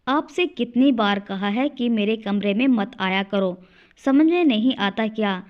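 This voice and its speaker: A woman's voice: fairly high pitch, a little slow, muffled recording, close to an everyday voice. A woman voicing a cruel young daughter-in-law who scolds and sneers at her elderly in-laws. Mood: scolding. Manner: scolding, contemptuous.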